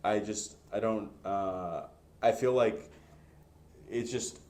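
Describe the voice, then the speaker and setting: Deep-voiced man casually probing. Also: slow, a little mellow. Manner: searching, filler-heavy questioning. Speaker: podcast host. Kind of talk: casual interview chat.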